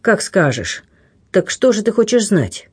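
A man's voice: high voice, very animated, a little slow, darkish tone, breathy edge, voice pushed up, exaggerated voice. A man reading the part of a lovesick young man who speaks faintly and hesitantly. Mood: weak, tearful.

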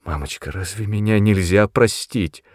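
A man's voice: normal speed, dry recording, studio quality, lightly acted. A man voicing a desperate teenage girl who begs her mother, in a raised, tearful voice. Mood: pleading. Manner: high tearful begging voice.

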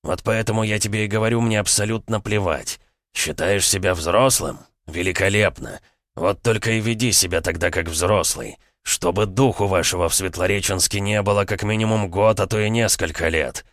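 A man's voice: on the low side, normal speed, a bit bright, dry recording, studio quality, natural voice. A man voicing a stern older prince who gives curt, menacing commands to his son. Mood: cold, scolding. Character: stern, cold older male prince, a father.

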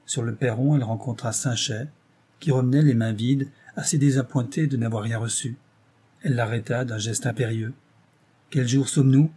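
A man narrating a novel as an audiobook in a measured, even storytelling manner. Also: medium pitch, breathy edge.

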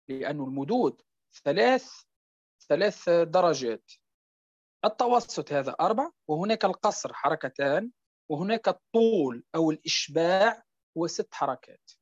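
A woman's voice: on the low side, no room sound, muffled recording. A woman teaching a tajweed lesson, repeating each point and checking that her students follow. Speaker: Quran recitation teacher.

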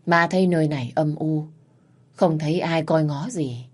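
A woman's voice: low-pitched, moderate pace, a little mellow. A woman doing a firm, cautious older mother. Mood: stern. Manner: firm, urging.

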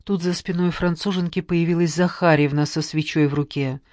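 An audiobook narrator reading a historical story in measured, even storytelling. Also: medium pitch, no echo, studio quality. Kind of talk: scripted literary narration.

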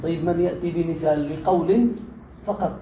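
A man's voice: on the high side, brisk, a crowd in the background. A man teaching a grammar lesson, asking his students questions, repeating their answers and explaining the text. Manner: quizzes students, repeats their answers, then reads and explains with rising force. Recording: roomy, dull lo-fi lecture recording with faint hiss.

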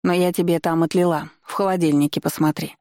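A woman voicing a bossy, sharp-tongued old grandmother who grumbles and scolds bluntly, recorded dry and close. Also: fairly low pitch, fairly even intonation, fast, no echo, lightly acted. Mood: grumbling. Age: older.

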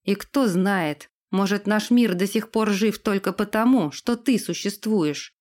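A woman's voice: medium pitch, unhurried, darkish tone, close to an everyday voice. A woman reading an audiobook, voicing a stern young lord and future king in a firm, commanding manner.

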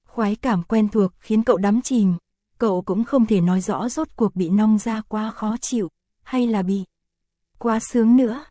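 A woman narrating an adult audio story in a steady, even reading voice. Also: medium pitch, a little slow, no echo, studio quality. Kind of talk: scripted narration.

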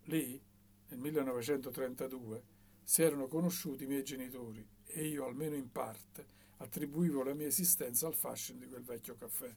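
A man reading a novel aloud in a measured, expressive way. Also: mid-range voice, a little hiss or hum. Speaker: audiobook reader.

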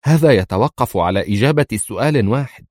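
A man's voice: mid-range voice, animated, fast talker, darkish tone, no room sound, clean studio sound, natural voice. A man reading the lines of a tense, loyal young woman who serves a gang leader and answers firmly. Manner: tense, firm replies.

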